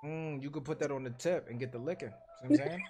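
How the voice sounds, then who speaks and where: A man's voice: on the high side, fast, darkish tone. A young man streaming from a bedroom on a headset, brashly teasing strangers on video chat with crude jokes. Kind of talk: casual trolling banter. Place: small bedroom with blinds.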